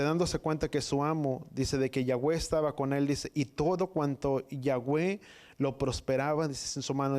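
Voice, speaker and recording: A man preaching a sermon, reading scripture in halting phrases and repeating "dice" between them. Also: mid-range voice, a little mellow. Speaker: pastor.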